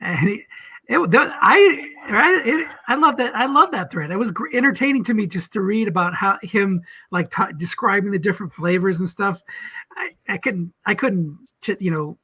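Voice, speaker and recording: A man's voice: high-pitched, lively intonation, normal speed, bright, forceful tone, slightly rough, low-quality recording. A man co-hosting a casual league podcast, rambling with lots of restarts. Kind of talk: casual chat.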